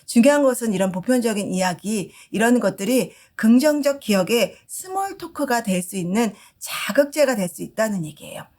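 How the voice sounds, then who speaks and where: Animated woman lecturing shop owners. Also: fairly high pitch, moderate pace, few pauses. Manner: animated, asks the audience questions and acts out shop dialogues. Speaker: customer service lecturer. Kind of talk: lecture to market merchants.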